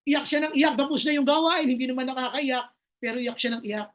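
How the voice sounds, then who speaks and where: A woman pastor with a Filipino accent preaching a sermon, switching between Tagalog and English, reading scripture slowly and telling humorous stories. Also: high voice.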